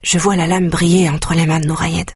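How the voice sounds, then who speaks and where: A man reads a first-person audiobook in a grave, quietly intense manner. His voice is husky and breathy, and the recording is dry and close. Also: a little high, flat delivery, moderate pace, no echo. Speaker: audiobook narrator.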